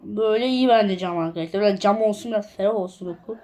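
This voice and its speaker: Building in a game, a young woman who makes gaming videos talks casually to her viewers and frequently mutters block counts to herself. She speaks in a mid-range voice at a rapid-fire pace.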